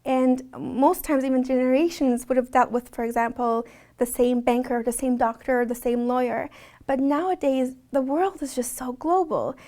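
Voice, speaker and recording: A woman's voice: high voice, fairly even intonation, normal speed, mellow. A woman speaking earnestly in a reflective documentary interview, talking conversationally with frequent restarts.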